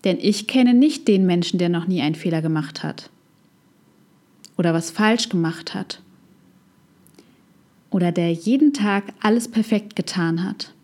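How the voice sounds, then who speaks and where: A woman psychologist hosting a self-help podcast, speaking in a calm, scripted way straight to the listener. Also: fairly low pitch, a little slow, long pauses.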